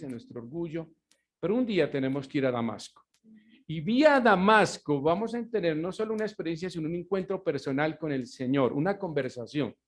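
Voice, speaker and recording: A male pastor giving a sermon, stressing key words and asking his congregation rhetorical questions for them to finish. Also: fairly high pitch. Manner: emphatic preaching with slowed, stressed words.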